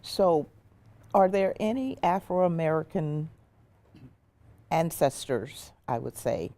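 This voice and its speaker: Woman host with a mellow voice asking questions. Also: sits low, animated, takes it slowly. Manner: long, carefully framed questions. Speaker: host, interviewer. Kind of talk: sit-down interview.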